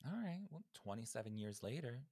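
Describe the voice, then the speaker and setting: This podcast co-host is a man with a medium-pitched, warm, expressive voice who talks fairly quickly. Over a video call on a close microphone with no room sound, he dishes on pop music news in a gossipy, campy way, repeating things for emphasis.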